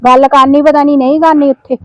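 A woman with a Punjabi accent playing a loud, bossy, sharp-tongued village wife in a comedy skit. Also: high voice, little pitch movement, fairly quick, no echo, natural voice, low-quality recording. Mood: scolding. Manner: scolding, bossy.

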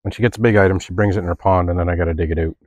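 A man explains his animals in a plain, matter-of-fact way on his farm. His voice sits low, and the recording is dry and close. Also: fairly even intonation, rapid-fire, a little mellow, dry recording. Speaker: animal keeper and farmer. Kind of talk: casual explanation. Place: outdoors on a farm.

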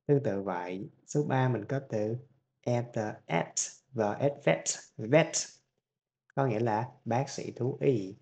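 Man, vietnamese accent, english teacher, patient phonics drill, middle pitch, dull lo-fi sound. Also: measured pace, gravelly, mellow. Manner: drills each sound several times, then explains it patiently. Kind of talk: phonics lesson, repeating words slowly.

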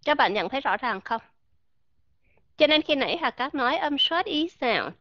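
A woman's voice: a little high, fairly bright tone, no room sound. A woman teaching English pronunciation in an online lesson, patiently explaining, repeating example words and asking her listeners questions. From Vietnam. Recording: dry, dull lo-fi recording.

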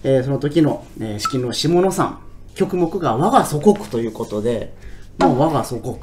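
Relaxed man hosting an orchestra chat. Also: mid-range voice, normal speed, a little hiss or hum. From Kagoshima, Japan. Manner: relaxed, laughs easily, many fillers. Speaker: principal trombonist and host. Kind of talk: casual chat.

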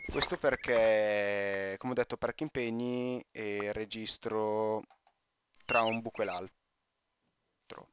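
A teenage Italian gaming YouTuber with a mid-range voice gives casual gameplay commentary, rambling, often breaking off mid-word and joking to himself. Background noise can be heard.

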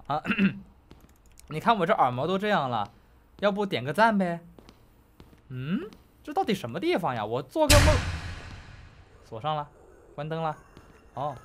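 A man's voice: high-pitched, a bit bright. A young man commenting on a horror game for his viewers, joking, talking to them directly and insisting he is not scared. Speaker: gaming YouTuber. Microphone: headphones on, desk mic.

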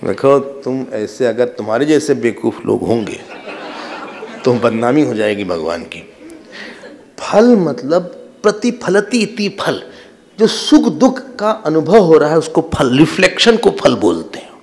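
A man giving a scripture discourse as a swami, animated and teaching with laughs and quoted voices. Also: medium pitch, a little slow, in a large hall. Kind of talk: sermon.

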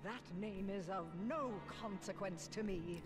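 A woman's voice: mid-range voice, unhurried, lightly acted. A woman playing a cold, vain evil queen in a video game, with commanding, theatrical, archaic diction. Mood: cold, menacing. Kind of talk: video game cutscene acting. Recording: music over game dialogue.

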